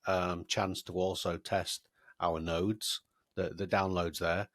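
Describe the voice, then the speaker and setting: A man's voice: sits low, flat delivery, takes it slowly, a bit bright, dry recording, studio quality. A man with a Mancunian accent, co-hosting a casual podcast chat and often repeating words as he starts a sentence. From Manchester, England. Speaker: co-host.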